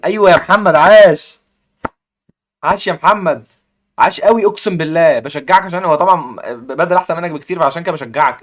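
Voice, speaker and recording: A young man with an Egyptian accent hosting a live chess puzzle contest, excitedly cheering the players on. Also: on the high side. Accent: Egyptian Arabic. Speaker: chess stream host.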